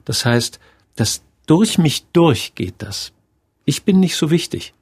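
A man's voice: a little high, sing-song, takes it slowly, darkish tone, husky. A man in his sixties, a theater director, reflecting thoughtfully and telling stories in an interview. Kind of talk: radio interview.

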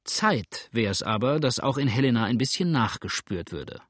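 A tall, easygoing Virginian settler, read by a man, calm and matter-of-fact. The voice sits close and dry, in a middle pitch. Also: moderate pace, no room sound.

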